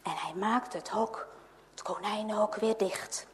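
A woman reading a children's story aloud in a slow, gentle and expressive way. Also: medium pitch. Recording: long hall reverb.

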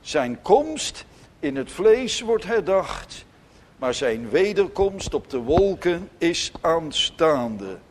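Slow, emphatic preacher. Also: male voice, fairly high pitch, very animated, background noise. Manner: emphatic preaching, rising to loud declarations and dropping to soft asides. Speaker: pastor. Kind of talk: sermon. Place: church.

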